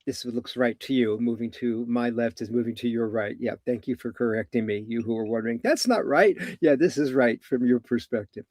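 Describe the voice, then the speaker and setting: An older man, a coach and therapist, talking in a live video conversation, measured and animated as he tells stories. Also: mid-range voice, no echo. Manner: measured, animated storytelling with voiced vocal sounds.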